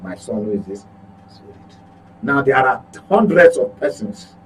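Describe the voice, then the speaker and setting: A Nigerian-accented man comments on politics as a journalist on a talk show, speaking at a measured pace in a medium-pitched voice with big pitch swings. He's emphatic, repeating and correcting his words often. Electrical hum is clearly audible as noise.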